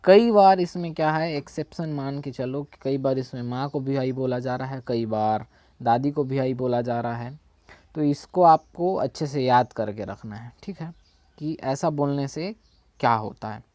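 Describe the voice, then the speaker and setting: A man's voice: mid-range voice, moderate pace, dark tone, no room sound, highs cut off. A man with a Chhattisgarhi Hindi accent teaching a language in a casual spoken lesson, often checking in and correcting his own slips. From India.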